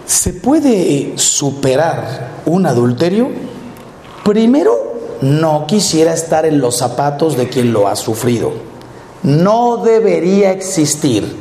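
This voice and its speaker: Mexican priest, fifties, mellow warm voice, animated storyteller, roomy hall sound. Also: male voice, on the high side, slight background noise. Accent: Mexican Spanish. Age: 50s. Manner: lively storytelling, acting out voices, rhetorical questions. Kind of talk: conference talk to a live audience.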